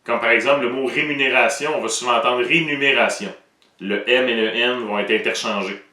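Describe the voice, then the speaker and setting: A man's voice: mid-range voice, a little fast, sharp tone, reverberant, far from the mic. A man with a Québécois French accent, explaining pronunciation in a playful, joking way as the presenter of an educational show.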